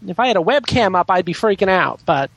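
A man's voice: high-pitched, lively intonation, fast, fairly bright tone, slight background noise. Campy drag queen, a man with exaggerated inflections. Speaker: podcast guest, drag queen. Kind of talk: casual chat.

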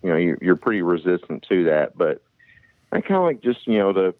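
Deep-voiced man calling in over a phone line. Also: very animated, a little fast, no room sound. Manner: hesitant, rambling, jokey. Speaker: caller. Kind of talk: casual phone chat.

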